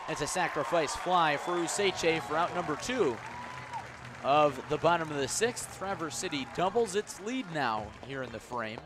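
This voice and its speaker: Crowd noise and other background sound surround a fairly high-pitched man doing live radio baseball commentary at a normal pace from his ballpark position outdoors. He keeps his calls brief and descriptive, getting excited as plays unfold.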